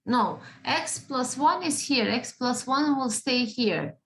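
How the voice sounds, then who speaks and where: A woman's voice: high voice, expressive, slow pace, fairly bright tone, low-quality recording. A woman teaching a math class, patient, often checking in with the students. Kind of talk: classroom lesson.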